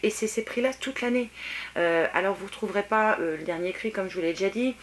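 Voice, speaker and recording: A woman's voice: medium pitch, fast talker. A French woman vlogging a casual makeup review, chatty and hesitant with many fillers, eager about the products. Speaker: beauty vlogger.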